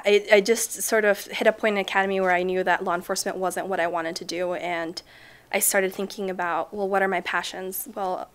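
Woman, twenties, from Chile, teacher, interview answers, thoughtful, ums, middle pitch. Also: clear, resonant tone. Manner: thoughtful, frequent ums, soft trailing off. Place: school library, indoors. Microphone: off-camera mic, seated interview framing.

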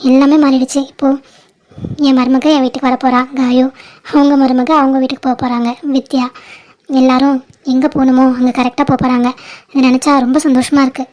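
A woman's voice: high-pitched, level tone, fairly quick, a little mellow. A woman voicing the sisters and mothers of a home-made family drama cartoon, emotional and pleading. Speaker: cartoon creator voicing all female roles.

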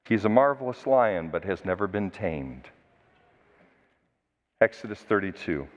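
A male pastor preaching a sermon and retelling a Bible story in a conversational, animated way. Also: low voice, measured pace. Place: church sanctuary. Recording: dull recording with long church reverb.

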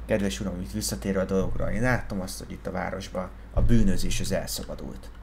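Pompous rambling man, low voice. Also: fairly even intonation, gravelly, slight background noise. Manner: self-important, rambling, bursts into angry shouting. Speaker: roleplay streamer playing a businessman. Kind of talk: in-character game roleplay. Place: game voice chat.

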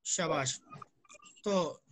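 A man's voice: on the high side, very slow, fairly bright tone. A man from Jammu and Kashmir, India, teaching an Arabic grammar lesson over a video call. He drills words with his students, repeats each one patiently and praises them often.

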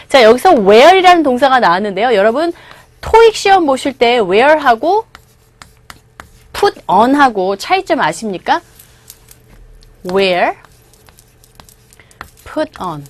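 High, animated Korean woman teacher, middle-aged, drills pronunciation, dry close sound. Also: no room sound. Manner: explains film lines, has students repeat pronunciation. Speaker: English teacher. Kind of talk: online English lecture.

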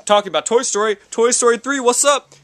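Very high-pitched and a bit bright, a young man talks quickly as he films a casual, jokey vlog tour. The handheld camera, held at arm's length, follows him through a house basement and out to a snowy street at night as he narrates with enthusiasm.

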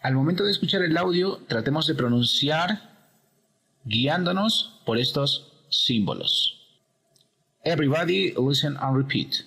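Slow, husky male English teacher. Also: on the high side, expressive, bright, forceful tone, in a large hall. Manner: patient, step-by-step explaining. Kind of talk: explanatory pronunciation lesson.

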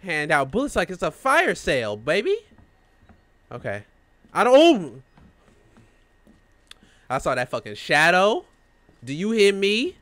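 A young man giving profane, excitable let's-play commentary while talking back to the game's characters. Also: high voice, normal speed, no room sound. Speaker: gamer playing a horror game.

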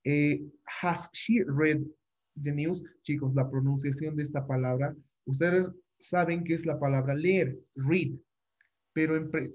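A man's voice: on the high side, a little mellow, muffled recording. A man teaching an online English class in Spanish. He is patient, repeats each phrase and keeps checking with the students.

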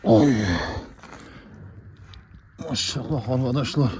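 A man's voice: mid-range voice, slow, a little mellow, a little hiss or hum. A man, a cattle farmer, talking casually to his viewers and fondly coaxing his animals, out of breath. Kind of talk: casual farm vlog to viewers.

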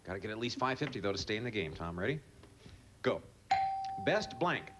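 A man hosting a studio game show, reading clues in quick succession, heard from an old VHS tape recording. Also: fairly low pitch, animated, noisy background. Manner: brisk, rapid-fire reading of clues. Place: TV studio with live audience.

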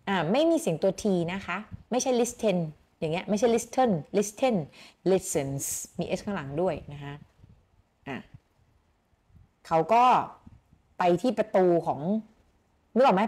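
Thai woman, English teacher, Thai accent, livestream lesson, animated and unhurried, drills words slowly. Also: mid-range voice. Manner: explains slowly, repeats words for students to type and pronounce. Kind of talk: live-streamed English lesson reading a story.

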